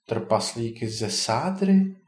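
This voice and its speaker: A man voicing a timid, lovesick young male dwarf who speaks slowly and wonders aloud. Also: medium pitch, lightly acted. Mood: puzzled. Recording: roomy echo.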